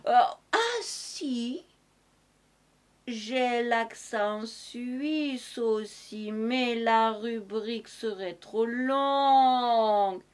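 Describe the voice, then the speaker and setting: A woman's voice: on the high side, very slow. A woman voicing a chatty talking face mask with a put-on southern French accent, theatrical and mock-official. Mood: mock-serious. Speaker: guest in sketch. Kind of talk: comedic sketch.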